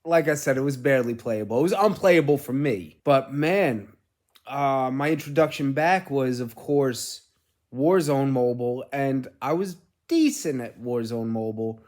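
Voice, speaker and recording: A middle-aged man, rambling casually as a vlog host, telling things in an animated way with casual swearing. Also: medium pitch, a little slow. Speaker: gaming streamer and host.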